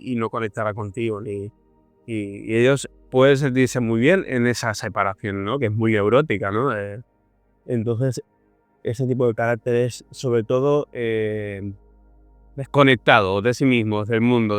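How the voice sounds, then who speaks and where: Male co-host, halting thinker, clean close voice. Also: medium pitch, clean tone, no echo. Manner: thinks aloud with hesitations and repeated words. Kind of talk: explanatory casual talk.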